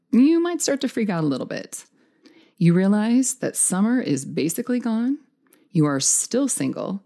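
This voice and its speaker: A woman's voice: mid-range voice, gravelly, dark tone. A woman hosting a scripted dating advice podcast, speaking in an upbeat, tidy, encouraging way like an advice vlogger. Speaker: podcast host.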